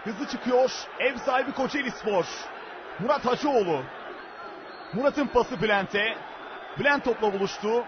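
Shouting male football commentator, very high voice. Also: very noisy. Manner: shouting, drawn-out goal calls. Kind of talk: excited live football match commentary. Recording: dull lo-fi broadcast, very loud crowd. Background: loud stadium crowd.

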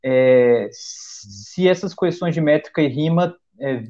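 A man's voice: fairly high pitch, animated, slow, dark tone, highs cut off. A man hosting a live interview, asking a question with hesitant fillers over a video call. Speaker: host, interviewer.

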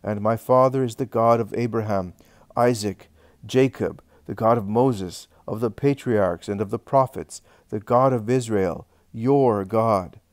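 A solemn male teacher speaking to a gathered crowd, read aloud by a man. The voice sits low and is recorded close and dry, with slow, measured emphasis. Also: darkish tone, no room sound. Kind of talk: reading a religious text aloud.

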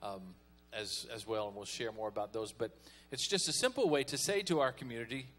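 A man's voice: mid-range voice, fairly quick, fairly bright tone. A man preaching a folksy, conversational sermon as pastor, calling on the congregation to respond.

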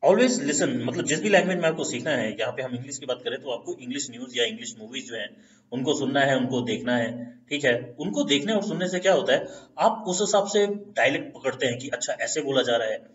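A man's voice: medium pitch, fairly quick, far from the mic, a crowd in the background. A man hosting a casual lesson, explaining step by step and mixing English phrases into his talk, often checking in with his listeners. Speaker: channel host giving advice. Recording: echoey room, set back from a dull mic.

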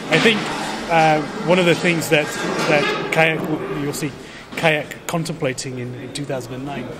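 A man in his thirties, a company executive giving a conference interview in a measured, polished way, often restarting words. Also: on the high side, fairly even intonation, very noisy. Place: large indoor conference hall. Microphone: handheld camera close to the face.

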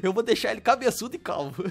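Male gaming YouTuber, lively pitch, mischievous, joking. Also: fast, vocal fry. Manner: joking, mischievous, playing a doctor. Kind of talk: playful gaming commentary with role-play.

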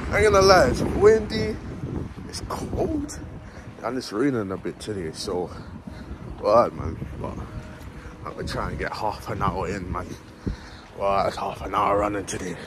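Holding his phone at arm's length, a young London man vlogs casually in slang as he runs through a park and streets at dawn, with some scenes in a bedroom. His voice is fairly low, and he keeps up lively asides to the camera.

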